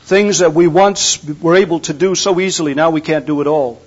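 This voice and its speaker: A man's voice: fairly high pitch, moderate pace, husky. Older man preaching a folksy sermon. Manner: folksy storytelling with humor. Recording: dull lo-fi recording.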